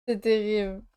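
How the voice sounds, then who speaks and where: Live-streaming from France, a young woman chats casually with her viewers, laughing as she jokes around in mock Spanish. Her voice is medium-pitched, warm and clean.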